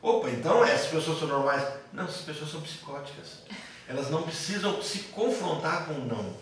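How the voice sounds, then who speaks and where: In a very echoey classroom, captured by a distant mic with faint noise, a Brazilian Portuguese-accented man teaches psychoanalysis to students. His voice is on the high side, animated and a little fast, and he asks questions in a didactic way before answering them himself.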